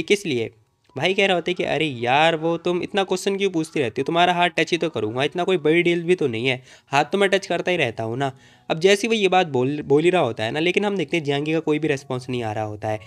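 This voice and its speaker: Male recap narrator, quick and slightly high-voiced, chatty storyteller who keeps joking with listeners. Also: fairly bright tone. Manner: chatty, jokey asides to the audience.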